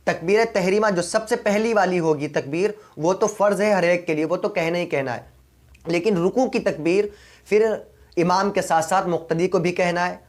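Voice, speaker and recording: A man with an Urdu accent, a mufti, giving religious instruction on prayer step by step and patiently, repeating the key points. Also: high voice. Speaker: mufti teaching prayer rules.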